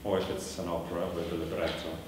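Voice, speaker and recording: A slightly low-voiced man, Welsh being his first language, gives a talk as a performer and takes audience questions. His delivery is flat, measured and reflective, marked by pauses, fillers and restarts. Distant miking in a large, echoing hall picks up noticeable background noise.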